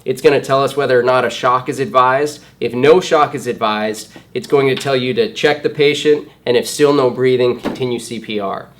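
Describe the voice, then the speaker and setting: A man's voice: medium pitch, moderate pace, few pauses. A man instructing in first aid, explaining each step plainly during a hands-on demonstration.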